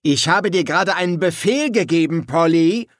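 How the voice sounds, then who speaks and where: A male audiobook reader voicing a gloomy vampire soldier who talks in a cold, clipped way and sometimes bursts out shouting. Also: mid-range voice, expressive, measured pace, no echo, studio quality. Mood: wild. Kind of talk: audiobook character voice.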